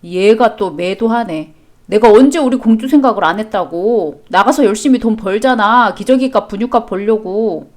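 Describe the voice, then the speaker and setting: A woman's voice: mid-range voice, moderate pace, natural voice. A woman voicing a defensive young husband in a storybook chat drama, talking back with a sneering edge.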